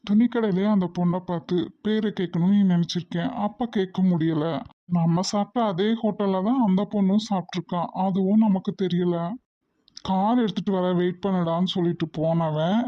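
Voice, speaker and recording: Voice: medium pitch, fairly even intonation, normal speed, natural voice. A performer playing a young male friend in a cartoon who teases and mocks, with a Kongu Tamil accent. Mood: teasing. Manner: teasing, mocking. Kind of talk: cartoon voice acting. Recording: dull dry lo-fi recording.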